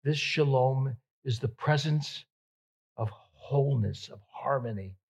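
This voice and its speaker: A male pastor preaching a sermon, repeating words for emphasis and swinging between loud emphatic peaks and soft, hushed passages. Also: mid-range voice, slow pace, breathy edge.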